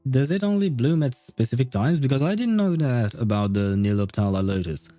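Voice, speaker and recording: Over soft background music, a man streams a video game live, rambling amiably as he comments and reads the dialogue out loud, with frequent chuckles. His mid-range voice is dark in tone, brisk, and lively in intonation.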